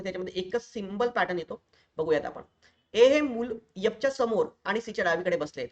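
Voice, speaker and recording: In a recorded online lecture for exam preparation, a man with a high voice walks his students through each step, addressing them directly. The audio sounds dull.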